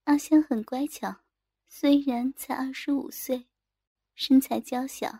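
A woman's voice: sits high, steady tone, a little slow, warm tone, breathy edge, no room sound, studio quality. A woman narrating a first-person adult audio story in an intimate manner, speaking directly to the listener.

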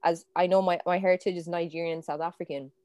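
A woman's voice: lowish voice, fairly even intonation, quick pace, dark tone, no room sound, clean studio sound. A young woman from Ireland, a panel guest talking casually and thoughtfully, with many fillers and restarts. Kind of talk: casual conversation.

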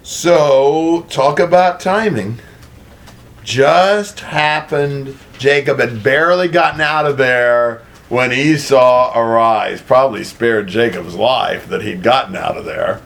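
A man preaching a conversational sermon, retelling a story in an animated, chatty way. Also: mid-range voice, takes it slowly, vocal fry.

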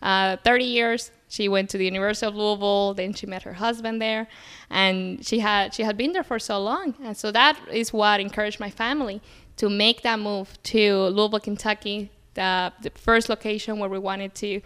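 Speaking at a moderate pace, this young Colombian woman, whose first language is Spanish, chats casually as a podcast interview guest, staying upbeat and positive and relying on frequent fillers. Her mid-range voice is steady, fairly bright, clear and resonant.

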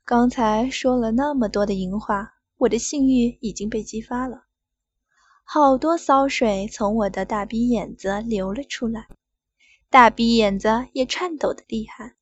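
A middle-aged woman narrating an adult audio story in the first person, in a steady reading voice. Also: a little high, a little slow, no room sound, muffled recording.

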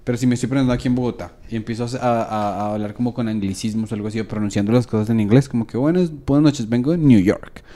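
A man's voice: on the low side, flat delivery, rapid-fire, hardly any pauses, mellow. A man hosting a casual interview, joking and using informal slang. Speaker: podcast host.

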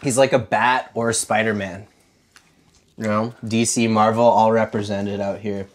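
A man from Quebec with a fairly low voice chats easily as a co-host. He rambles a little and leans on fillers. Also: level tone, a little slow. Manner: easygoing, rambling, many fillers. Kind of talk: casual chat.

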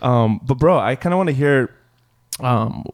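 A man hosts a podcast and chats casually with a friend. His talk is loose and full of fillers and slang. His voice sits at an ordinary middle pitch. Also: expressive, unhurried. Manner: chatty, lots of "dude" and "bro". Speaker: podcast host. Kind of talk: casual interview conversation.

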